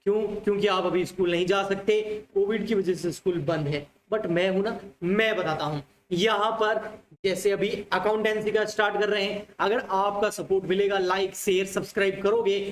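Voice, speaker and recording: In an online commerce lecture, a male teacher repeats his points and quizzes his students, addressing them as dear children. His voice is high, and the recording picks up an echoey room with faint ambience and slight background noise.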